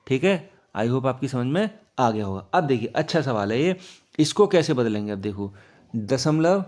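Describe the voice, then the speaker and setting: Man, maths teacher, patient step-by-step explaining, asks and answers himself, mid-pitched voice. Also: darkish tone. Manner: explains slowly, asks and answers his own questions.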